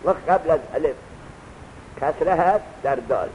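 Man lecturing on grammar, slightly high voice. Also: darkish tone, slight background noise, low-quality recording. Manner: repeats points and quizzes the students; urges students to take notes. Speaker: teacher of Arabic grammar. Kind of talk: classroom lecture.

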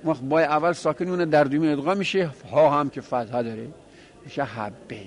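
A man with a somewhat high voice leads a grammar lecture. He works through each point patiently, saying word forms over and over as he explains. His tone stays conversational, turning to the class now and then. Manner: explains step by step, repeating forms aloud; conversational, addresses the class directly. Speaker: teacher.

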